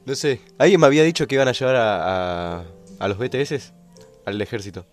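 A young Argentine man in a relaxed podcast chat, speaking hesitantly. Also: medium pitch, fairly quick, faint music behind. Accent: Argentine Spanish. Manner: relaxed, hesitant, uses fillers.

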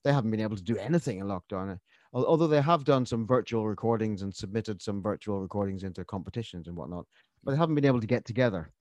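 A man's voice: fairly low pitch, expressive, fast talker, a little mellow, no room sound. A man from Ireland, a choir's musical director, chatting as a guest on a radio interview with many restarts.

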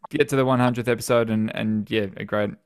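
A man's voice: on the low side, fairly even intonation, quick pace, smooth, no room sound, studio quality. An Australian man hosting a casual podcast, giving short replies and laughing often. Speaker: podcast host.

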